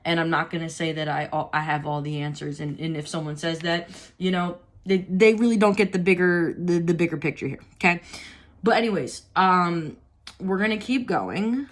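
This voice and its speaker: A woman's voice: fairly low pitch, normal speed. A young adult woman giving a tarot reading, talking candidly, swearing freely and filling her speech with restarts and "you know," then reading aloud from her notes. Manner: reads aloud from notes between asides. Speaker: tarot reader. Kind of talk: casual spiritual reading.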